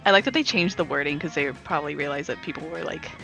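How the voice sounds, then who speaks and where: A woman's voice: sits low, fast, creaky, pushed and bright, faint music behind. A woman chatting casually while playing a game with a group. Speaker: player in a group playthrough. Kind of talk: casual chat during a game stream.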